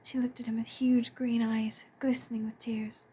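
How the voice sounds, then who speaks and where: Soft, breathy woman narrating a story. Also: fairly high pitch, flat delivery, moderate pace. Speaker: fan audiobook reader.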